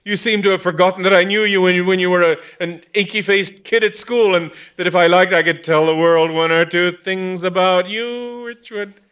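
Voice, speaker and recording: A man putting on a hot-tempered old vicar who sulks and squabbles like a child, his voice pushed high and shrill. He sounds loud and heated, with a sharp, pinched tone, in a storybook reading. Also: steady tone, normal speed, hardly any pauses, clean tone. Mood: indignant.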